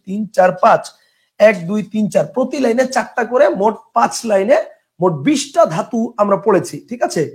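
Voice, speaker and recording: Young male teacher, high voice, drills lists by rote and quizzes the room. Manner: drills by chanting lists, asks and answers own questions. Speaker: grammar teacher. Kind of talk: classroom lecture.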